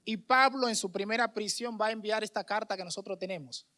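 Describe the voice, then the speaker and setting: Dominican guy preaching, high voice, chatty with restarts and ums. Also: fairly quick, bright, forceful tone. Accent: Dominican Spanish. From Dominican Republic. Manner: conversational, many restarts and fillers. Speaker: missionary preacher. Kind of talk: sermon.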